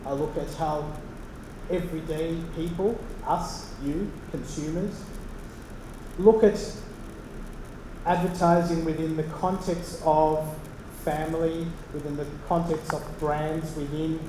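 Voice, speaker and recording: A man's voice: on the high side, steady tone. Australian man in an echoey hall. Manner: measured, with frequent ums. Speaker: associate professor. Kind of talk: speaking to an open-house audience. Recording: very echoey hall with background noise.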